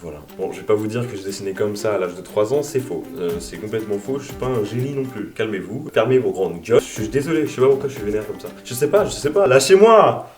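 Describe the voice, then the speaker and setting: A young man in his twenties answering viewer questions in a casual vlog, crude and self-mocking, breaking into mock-angry shouts. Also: fairly low pitch, quick pace, few pauses. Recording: roomy sound from a distant mic with music. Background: background music.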